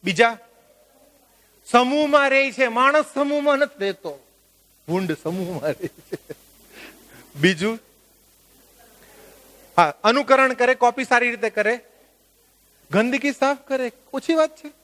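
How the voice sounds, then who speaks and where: A man leading a workshop, lecturing a live audience in an animated, joking way and putting questions to the listeners. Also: very high-pitched, measured pace, pauses often. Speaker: workshop trainer. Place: workshop at a religious venue.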